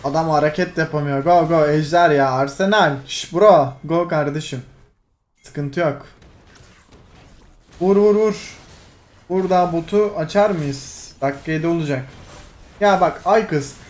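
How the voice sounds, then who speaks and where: A young man giving lively, excitable commentary over his own gameplay, teasing teammates, laughing and shouting now and then. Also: on the high side, measured pace, pauses often. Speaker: gaming streamer.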